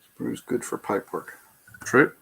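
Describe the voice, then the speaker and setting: A man's voice: slow, a little hiss or hum, low-quality recording. A tired Irish man hosting a livestream, chatting casually and thinking aloud as he builds a model kit in his bedroom. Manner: relaxed, chatty, thinking aloud while working. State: tired, yawning. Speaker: livestream host.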